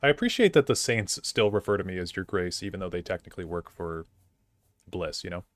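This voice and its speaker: A man's voice: low-pitched, animated, fairly quick, no room sound, faint music behind. A man streaming a game and chatting casually as he plays. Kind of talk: casual chat while playing a game.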